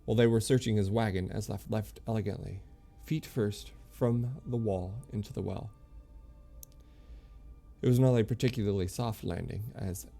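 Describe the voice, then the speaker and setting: A man with a low, gravelly voice reads game lore aloud on a stream. His tone is mellow and dark. He stumbles over the words and corrects himself as he goes. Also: soft background music. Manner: halting reading with stumbles and self-corrections.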